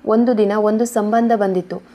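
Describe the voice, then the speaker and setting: Woman storyteller, mellow warm tone, steady scripted narration. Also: mid-range voice, a little slow.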